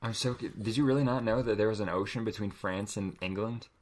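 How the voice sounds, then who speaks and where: A man's voice: lowish voice, a little fast, slight background noise. A man co-hosting a casual podcast, setting his friends straight in a disbelieving, laughing way. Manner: incredulous, laughing, lecturing friends. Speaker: podcast co-host. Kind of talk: casual chat.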